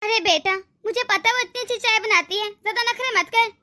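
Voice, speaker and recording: A woman voicing a sickly, kind older mother-in-law in an animated family drama, speaking in a soothing, pleading way. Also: very high voice, a little fast. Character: sickly, kindly older mother-in-law, always defending her daughter-in-law.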